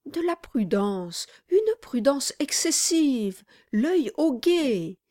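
A woman's voice: fairly high pitch, expressive, slow pace, voice pushed up. A woman voicing an obsequious, nervous male lawyer who speaks hesitantly and deferentially in an audiobook. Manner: fawning, hesitant, deferential "monsieur".

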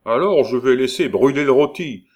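Storybook role: burly young manservant, a man doing the voice; hoarse, gruff, blunt. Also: lowish voice, expressive, unhurried. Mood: calling out.

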